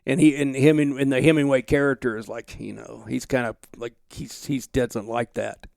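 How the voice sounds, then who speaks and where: A man's voice: mid-range voice, flat delivery, moderate pace, creaky, darkish tone, no echo, clean studio sound. A man talking as a podcast guest, thoughtful and reflective, drawing on history and books in casual conversation. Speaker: guest, outdoor journalist.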